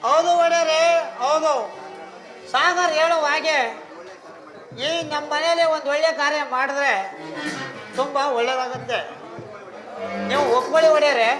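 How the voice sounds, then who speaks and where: Man as a high-voiced deferential servant, roomy echo. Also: fairly even intonation, normal speed, long pauses, a bit bright. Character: loyal household servant addressing his master. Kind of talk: village stage play acting. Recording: roomy echo, faint music and crowd.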